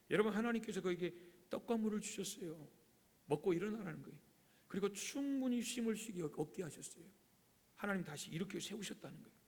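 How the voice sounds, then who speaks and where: Emphatic high-voiced pastor in a reverberant hall. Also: male voice. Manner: emphatic, swings from loud urgent peaks to quiet low asides, acts out quoted voices. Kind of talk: sermon. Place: church sanctuary.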